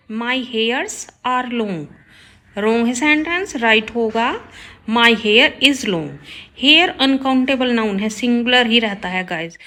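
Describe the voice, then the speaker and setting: A woman teaching English grammar to Hindi speakers. She reads each example sentence very slowly and clearly, then explains it briskly and keeps calling her viewers guys and kids. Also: a little high, bright, forceful tone.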